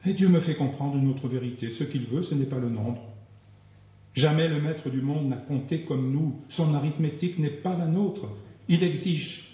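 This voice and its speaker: A man voicing a calm, devout woman of prayer in a spoken religious story, quiet and earnest. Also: on the high side, normal speed, lightly acted. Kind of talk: reading a religious story aloud. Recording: very echoey, dull lo-fi sound.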